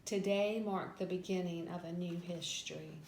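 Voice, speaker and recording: A woman's voice: lowish voice, steady tone, normal speed, darkish tone. A woman Sunday school teacher reads a scripted Bible story lesson aloud in a storytelling delivery. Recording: echoey room with background noise.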